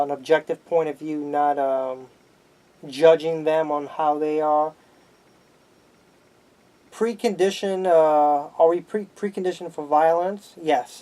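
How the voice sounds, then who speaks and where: Male guest, sociology student, mellow tone, measured explanations, slightly high. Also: low-quality recording. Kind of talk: casual discussion.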